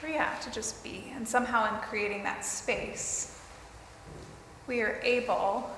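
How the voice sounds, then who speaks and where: Slow-paced woman guiding meditation in echoing hall. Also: a little high, steady tone, a bit bright. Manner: slow, deliberate, pausing between short phrases. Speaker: guided meditation leader. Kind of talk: guided mindfulness meditation addressed to a group. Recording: roomy, reverberant hall with clear background noise.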